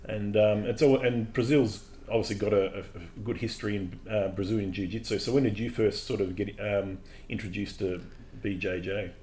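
A man's voice: on the low side, steady tone, normal speed, darkish tone, slight background noise. A man hosting a podcast, asking casual questions in an easygoing way with some fillers. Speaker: podcast host. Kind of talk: casual interview.

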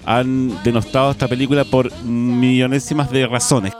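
A Chilean man co-hosts a radio film review in a relaxed, rambling way. He talks in loose, filler-heavy stretches and often checks in with a quick question. Faint music plays under his voice. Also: medium pitch. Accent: Chilean Spanish. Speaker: radio film show co-host. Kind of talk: casual film review chat.

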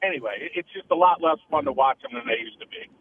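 A man calling in to a radio show over the phone, talking in a halting way with many stammered restarts. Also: fairly high pitch, lively intonation. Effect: heard over the phone line. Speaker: radio caller. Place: on his porch. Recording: tinny phone line.

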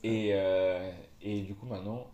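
A man's voice: on the low side, steady tone, unhurried, warm tone, highs cut off. A young man who speaks with braces on his teeth, chatting casually as a podcast co-host. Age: young adult. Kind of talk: casual conversational podcast chat. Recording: echoey room with clear background noise.

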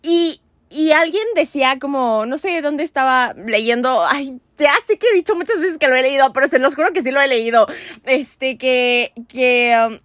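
A woman's voice: high-pitched, moderate pace, a bit bright, dry recording, clean studio sound. A young woman, hosting a casual chat in an earnest, rambling, self-mocking way. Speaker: podcast host.

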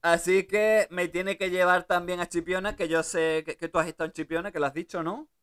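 A woman's voice: lowish voice, steady tone, a little fast. A woman hosting a radio show, chatting casually with a guest and laughing easily. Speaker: radio host.

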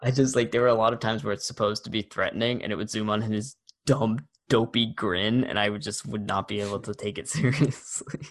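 A young man co-hosting an audio podcast, chatting casually and often trailing off quietly. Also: fairly low pitch, fairly even intonation, a little fast. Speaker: podcast co-host. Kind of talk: casual chat. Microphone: audio-only podcast mic.

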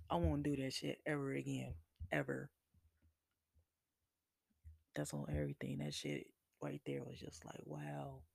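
A man hosting a podcast, chatting casually and laid-back, swearing freely and laughing often, with a gravelly, husky voice. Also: fairly high pitch, dry recording. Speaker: podcast host. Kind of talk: casual solo chat.

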